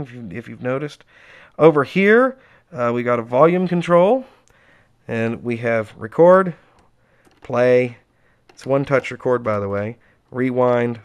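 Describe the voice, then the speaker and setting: With a clean tone in the mid-range, a man casually shows off equipment on a tabletop at home, close up. He's chatty and unscripted, explaining each step with dry enthusiasm.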